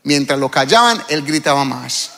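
A man's voice: a little high, animated, normal speed, vocal fry, sharp tone. A man preaching a fervent sermon to his church, often asking the congregation questions. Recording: long hall reverb.

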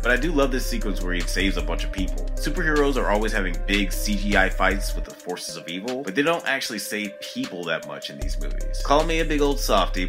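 A man giving a casual, sweary video film review in a loose, blunt, tipsy way. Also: lowish voice. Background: music.

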